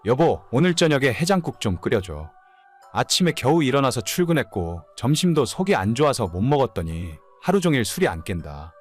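A man's voice: medium pitch, big pitch swings, brisk, breathy edge, faint music behind. A man playing an immature, whining, hungover husband in his late thirties in a dramatized story. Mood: hungover, pleading. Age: late 30s. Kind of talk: dramatized audio story dialogue.

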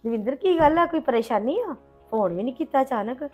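A woman playing a sister-in-law who hosts a visitor and gives steady, reassuring advice with some gentle scolding, in a family drama. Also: high voice, fairly quick, soft background music. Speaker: character in a family drama vlog. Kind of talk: hobby village family drama.

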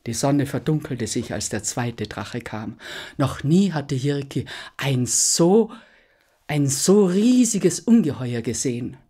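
A woman telling a fairy tale aloud in an expressive, measured storytelling performance. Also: extremely low pitch, breathy edge.

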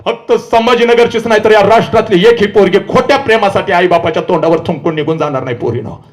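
A man giving a fiery motivational lecture on stage, shouting and scolding the crowd and repeating commands to them. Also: high-pitched, fast talker. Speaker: motivational public speaker. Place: large event before a seated audience.

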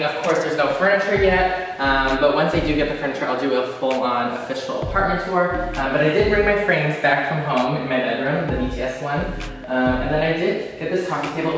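A man's voice: fairly high pitch, a bit bright, slight background noise. A young man in his twenties from Washington State, a beauty vlogger giving a bubbly, sassy tour of his empty apartment. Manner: bubbly, gushing, sassy exclamations. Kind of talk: casual vlog apartment tour. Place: large empty apartment indoors. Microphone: handheld camera at arm's length and far camera. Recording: very echoey empty room, distant mic, music behind.

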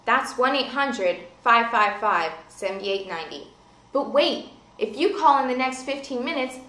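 A young woman playing an insistent infomercial saleswoman, delivering a scripted TV sales pitch. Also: pushed and bright, reverberant, low-quality recording. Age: young adult. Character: brisk infomercial saleswoman pitching a miracle serum. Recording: faint background noise, amateur video.

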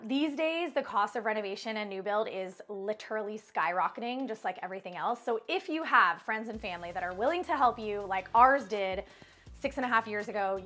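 A woman in her thirties who works as an interior designer shows off her house with cheerful, casual chatter and lots of laughter. Her pushed, bright voice leans high, and the rooms around her are bright home interiors in this easygoing tour.

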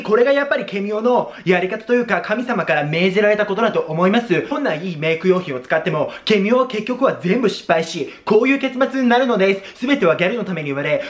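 Young male vlogger, gyaru-slang chatter, theatrical and quick, widely swinging pitch. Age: young adult. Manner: Japanese gyaru slang, casual exaggerated girly-slang talk; animated, theatrical exclamations. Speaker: video host. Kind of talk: casual makeup vlog chat. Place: small plain indoor room.

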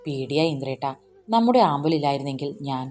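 A woman's voice: deep voice, animated, fast talker, warm tone, faint music behind. A woman voicing a tearful shy young wife.

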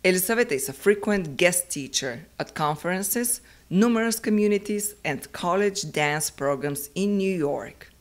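A woman's voice: fairly low pitch, lively intonation, normal speed, hardly any pauses. Polished female talk-show host. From Bulgaria. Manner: polished, upbeat presenter. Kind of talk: scripted intro and interview questions. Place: small studio set, indoors. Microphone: lapel.

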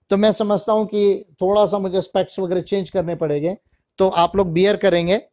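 A man's voice: high voice, darkish tone. A man giving an explanatory talk, switching between Hindi and English phrases and reading long lists aloud. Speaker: speaker on electoral reform. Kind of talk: lecture-style talk.

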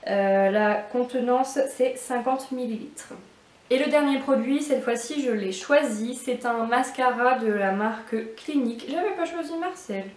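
A woman's voice: a little high, measured pace, reverberant, recorded from a distance. A woman chatting casually through a beauty box unboxing, hesitant and full of fillers, in a home setting. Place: indoors at home.

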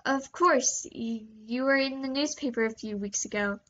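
A woman's voice: a little high, moderate pace, fairly bright tone, dull audio, close to an everyday voice. A woman voicing a nervous young bystander who stammers with a shaky voice.

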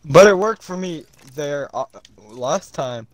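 A man's voice: a little high, expressive, takes it slowly, dry recording. A man in casual chat while playing a game with friends, often giggling and teasing. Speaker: gamer.

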